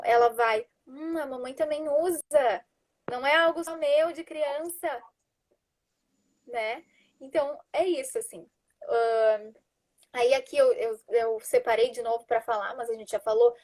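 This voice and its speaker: Woman, high voice, Brazilian Portuguese accent, calm instructive live-chat tone, video call. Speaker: guest parenting educator.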